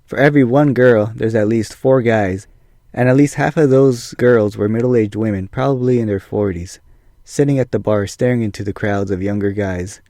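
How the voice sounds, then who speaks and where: A man's voice: fairly low pitch, darkish tone, no echo, studio quality. A man narrating a scripted personal story as a video storyteller.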